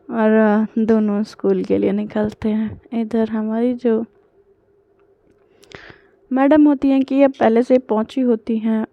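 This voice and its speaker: A woman's voice: on the high side, gravelly, no echo. A young woman casually retelling a love story, linking the lines with "so she says". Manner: plain retelling with frequent "so she says" links. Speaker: storyteller vlogger. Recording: dull lo-fi sound.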